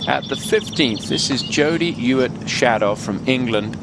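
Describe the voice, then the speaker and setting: A man's voice: medium pitch, normal speed. A man giving live play-by-play as a golf commentator. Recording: very noisy outdoor broadcast sound.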